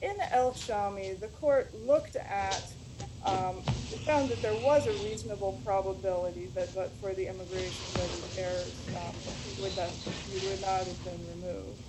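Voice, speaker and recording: A woman attorney delivers a formal oral argument at an ordinary pitch, pausing on ums and restarting phrases. Her voice drifts from a distant microphone. The hearing audio carries a clear layer of background noise. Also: steady tone. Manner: hesitant, frequent ums and restarts. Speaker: attorney arguing an appeal. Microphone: distant microphone, voice fading in and out. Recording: noisy courtroom hearing audio, distant mic.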